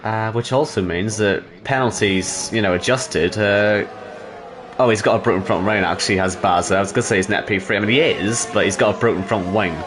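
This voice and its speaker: A man's voice: on the low side, fairly quick, background noise. A man commentating sim racing, analysing strategy with dry humour. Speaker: race commentator.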